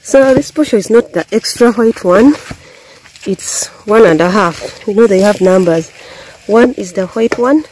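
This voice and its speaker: A young Ugandan woman with a Ugandan accent runs a village cooking vlog, plainly explaining each step to viewers as she cooks over a wood fire outdoors among banana plants. Her medium-pitched voice is a little mellow and a little slow. A camera on the ground catches noisy audio, and her distance from it shifts as she moves.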